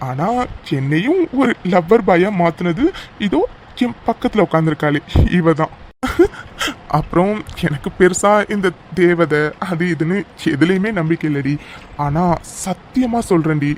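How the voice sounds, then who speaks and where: A man's voice: fairly high pitch, a little mellow, slight background noise, lightly acted. A young man voicing a devoted young lover in a cartoon, speaking earnestly and affectionately with a teasing edge. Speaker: narrating voice actor. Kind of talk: cartoon voice acting.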